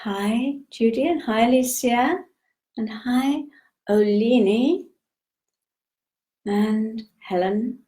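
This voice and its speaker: An older woman hosting a live spiritual session, talking gently and unhurriedly as she greets viewers and explains her topic. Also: fairly high pitch. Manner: slow, gentle, unhurried, with frequent pauses.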